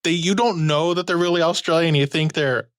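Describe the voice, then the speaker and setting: A woman's voice: fairly low pitch, fairly quick. A woman from California hosting a podcast, joking and bantering casually with her guest. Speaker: podcast host. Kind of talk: casual chat.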